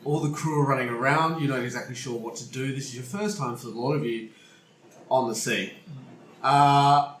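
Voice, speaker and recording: A man of ordinary pitch is running a tabletop game, talking through the scene in a relaxed and halting way. He often stops and restarts his sentences. One mic on the table picks him up, so the sound is roomy with faint background noise. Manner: casual, hesitant storytelling with restarts. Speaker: game master. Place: room with friends around a table. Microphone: single shared mic on the table.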